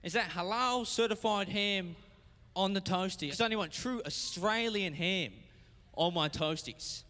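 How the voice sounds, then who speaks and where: A man's voice: high voice, measured pace, bright, forceful tone, big-room sound. A young man putting on a pushy, fussy male customer in a stand-up bit. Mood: insistent.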